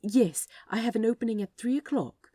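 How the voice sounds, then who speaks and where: Woman voicing Aziraphale, a gently fussy mellow receptionist man. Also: fairly high pitch, animated, normal speed, breathy edge, dry recording, clean studio sound, voice pushed up. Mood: courteous, businesslike. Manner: genteel, old-fashioned, prim phone courtesy. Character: polite, fussy, warmly flirtatious male office receptionist.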